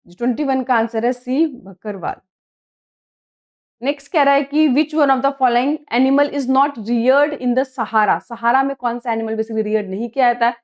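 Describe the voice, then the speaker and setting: A woman teacher with a Hindi accent, reading quiz questions slowly in English and explaining the answers in Hindi. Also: a little high, muffled recording. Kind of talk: exam prep lesson.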